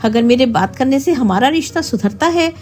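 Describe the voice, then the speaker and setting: A woman's voice: high-pitched, lively intonation, moderate pace, a little mellow, soft background music. A woman voicing an earnest young husband who talks in a pleading way, in a storybook tale.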